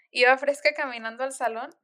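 A woman's voice: high voice, sharp tone. A young woman telling stories in a casual chat, full of fillers and laughs. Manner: chatty storytelling with frequent laughs and fillers.

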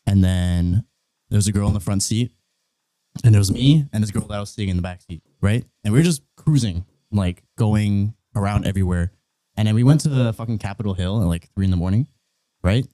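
A man's voice: fairly low pitch, fairly quick, mellow, no echo. Young male guest, laid-back slangy storyteller, dry close mic. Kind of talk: casual chat.

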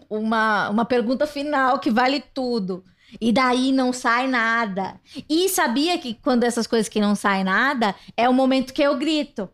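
A high-pitched woman from Brazil hosts a casual podcast chat. She tells stories with animated energy and laughs often. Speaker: podcast host.

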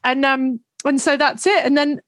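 A woman's voice: high-pitched, fairly even intonation, moderate pace, no room sound. A woman in her forties, a business coach and podcast guest, talking candidly in a chatty storytelling manner. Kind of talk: casual conversational interview.

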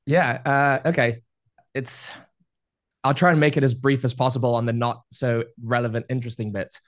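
A man in his thirties, a podcast guest, telling his life story in a relaxed, rambling way with many fillers. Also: mid-range voice, normal speed, dry recording, studio quality. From Spain. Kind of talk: casual interview storytelling.

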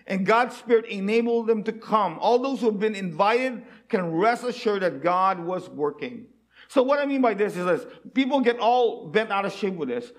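A man delivers a sermon in a high, light voice. He pleads earnestly with his listeners and keeps asking them rhetorical questions. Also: lively intonation, normal speed. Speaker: preacher.

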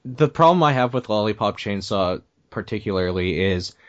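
A man hosting a casual podcast, talking in a relaxed, rambling way full of hedges. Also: on the low side, moderate pace, no room sound, highs cut off. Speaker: podcast host.

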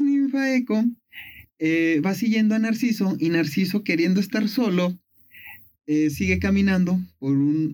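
A man casually retelling a myth on a talk show. His voice sits a bit high, and he tells the story playfully, with plenty of fillers. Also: darkish tone.

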